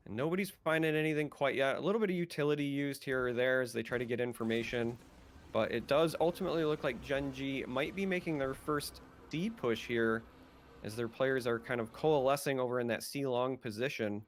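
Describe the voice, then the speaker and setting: Midwest guy casting a video game match, mid pitch, gets loud on big plays, faint hiss behind. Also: a little fast. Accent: American Midwest. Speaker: esports caster. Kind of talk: play-by-play commentary.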